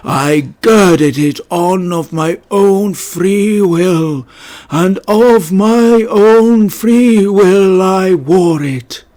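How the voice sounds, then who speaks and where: A doomed ghost from a storybook, mournful and declamatory. Every word is stretched very slowly in a raised, wailing pitch, like a dead businessman lamenting his fate. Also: dark tone. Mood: grave, bitter. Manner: slow, drawn-out, wailing declamation.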